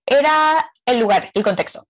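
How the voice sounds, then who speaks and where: Chilean woman, blunt casual talker, slightly high voice, trails off. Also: expressive, moderate pace. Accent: Chilean Spanish. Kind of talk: casual chat.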